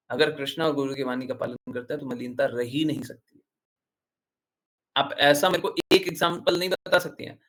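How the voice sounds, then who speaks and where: A man's voice: a little high, a bit bright, low-quality recording. A man acting as spiritual teacher, answering devotees' questions in a devotional class, emphatic and repetitive and fond of rhetorical questions.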